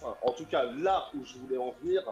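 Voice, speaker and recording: Heard over an internet call with lo-fi sound, this thirtysomething radio caller speaks quickly in a medium-pitched, darkish voice. He rambles enthusiastically with plenty of fillers during the casual chat, while a roomy echo and faint music sit in the background.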